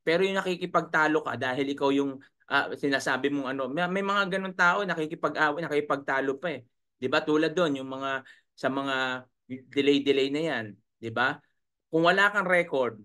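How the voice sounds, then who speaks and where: Man, webinar coach, chiding and rhetorical, fairly high voice, bright forceful tone. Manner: chiding, rhetorical, keeps asking "right?". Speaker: webinar coach for online sellers. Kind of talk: live webinar talk, reading viewer comments.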